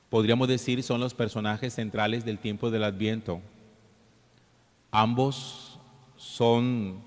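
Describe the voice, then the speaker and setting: A man, a priest, reading the Gospel and preaching a homily at Mass in a measured, deliberate way, his voice ringing with a long cathedral-like reverb. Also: on the low side. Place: large church. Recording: long church hall reverb.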